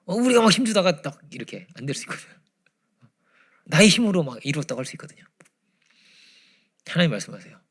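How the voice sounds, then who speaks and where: A man preaching a Friday prayer-meeting sermon, swinging from loud emphasis to hushed near-whispers. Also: a little high, very animated, quick pace, pauses often, breathy edge. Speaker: pastor. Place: church.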